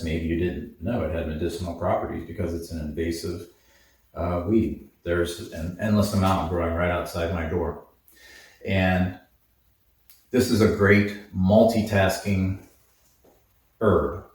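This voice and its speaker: A man hosting an instructional talk on herbal remedies, speaking slowly and deliberately. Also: sits low, a little mellow. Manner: slow, deliberate, explanatory. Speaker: herbalist host. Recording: very echoey, from far off the mic.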